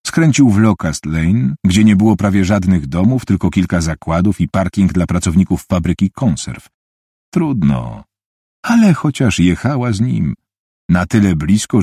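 A man narrating an audiobook in a measured storytelling manner, with a husky voice, recorded on a close mic. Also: deep voice, expressive, dark tone, no room sound. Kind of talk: scripted narration.

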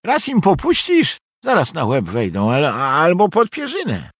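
A man doing a gruff old key-keeper. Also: fairly high pitch, huge pitch swings, unhurried, no room sound, studio quality, voice pushed up, heavily acted. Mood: grumbling. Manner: gruff and impatient. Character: old grumbling male castle key-keeper.

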